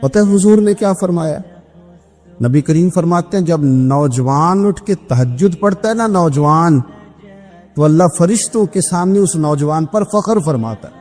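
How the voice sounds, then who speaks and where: A man with a fairly high voice delivers a sermon as a dramatic story. He tells it with rising emotional peaks. His voice rings with a long hall reverb over soft background music. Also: lively intonation. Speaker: preacher.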